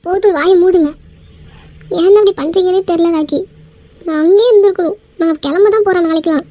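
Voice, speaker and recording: A woman with a very high but dark-toned voice plays an angry, hurt young wife in a cartoon skit, scolding with quick, indignant retorts. There is no echo.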